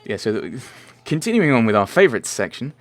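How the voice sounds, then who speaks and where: This young man from Merseyside, England, speaks in a mid-range voice that is very animated and brisk. He's doing a casual, rambling voice-over answering viewer questions, peppered with ums and self-corrections, over faint game music.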